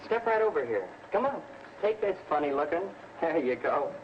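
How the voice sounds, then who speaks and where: A wisecracking American space crewman talks in slangy, very animated swoops. It has the dull sound and heavy noise of an old sci-fi serial. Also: on the high side, normal speed. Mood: scrappy, mocking. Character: brash wisecracking male spaceship crewman, comic sidekick. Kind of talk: 1950s sci-fi serial acting.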